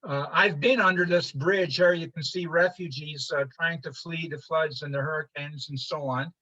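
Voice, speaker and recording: An older man from Honduras giving an informal slide lecture, halting with many fillers and restarts. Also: on the high side, steady tone, bright, forceful tone. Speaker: presenter. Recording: muffled lo-fi livestream audio.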